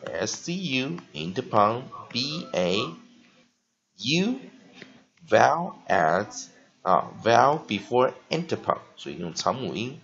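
A male English teacher giving a vocabulary lesson, spelling words letter by letter and repeating them slowly. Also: fairly low pitch, fairly bright tone, dull audio.

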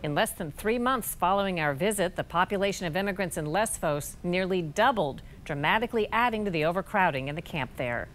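A woman reporter narrating a news report in a measured, matter-of-fact way. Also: lowish voice, expressive, fairly bright tone, a little hiss or hum.

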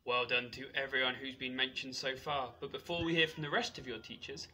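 A man's voice: mid-range voice, steady tone, fairly quick, background noise. A man presenting a school assembly who hands over to the next teacher. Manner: brief link between speakers.

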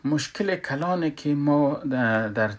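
A man's voice: a little high, expressive. Hesitant man with an Afghan Dari accent. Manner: hesitant, many filler sounds, sounds out letters loudly. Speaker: Quran recitation teacher. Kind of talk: tajweed lesson.

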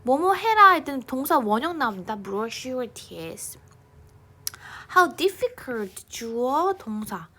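A young woman teaches an English grammar lesson online, with a somewhat high, breathy voice. Her talk moves between chatty asides and slow, careful readings of example sentences. She often lets her voice sink to a near-whisper, and her pitch swings widely. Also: big pitch swings, bright, forceful tone. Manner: explains in chatty informal Korean, reads English examples slowly, drops to near-whispers.

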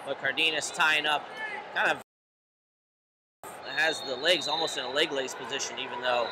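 A man giving steady play-by-play commentary on a wrestling match in a large indoor hall. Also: medium pitch, moderate pace. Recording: arena noise behind. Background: crowd and arena noise.

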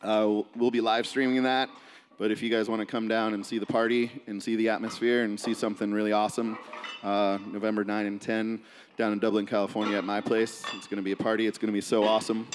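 A man coaches an informal live seminar in a large indoor gym, casual and motivational as he speaks fast to a seated group. His voice is fairly low with little pitch movement, and the distant camera picks up the reverberant hall plus a little hiss or hum.

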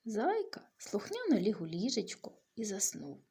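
A woman reading a bedtime story aloud for children, soft and gentle, often half-whispered. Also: mid-range voice, wildly swooping pitch, moderate pace, gravelly, husky.

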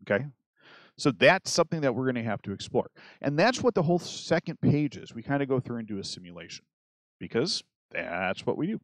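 A man's voice: mid-range voice, big pitch swings, brisk, no room sound. A man teaching a statistics lesson in a conversational way, often restarting sentences and checking in with "okay?". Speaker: math teacher.

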